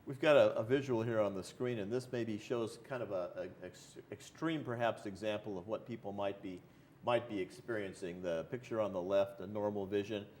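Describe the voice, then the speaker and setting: Low-voiced man hosting a TV interview. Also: darkish tone, slight background noise. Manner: halting, folksy plain-worded questioning. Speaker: television interviewer. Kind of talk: unscripted TV interview. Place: TV studio.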